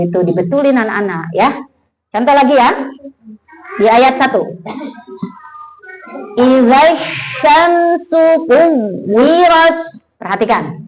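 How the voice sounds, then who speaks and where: An Indonesian woman teaching Quran recitation, chanting verses slowly and then correcting pronunciation in quick, insistent speech. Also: sits high, a little mellow, slight background noise, poor audio. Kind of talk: tajwid lesson with recitation drills.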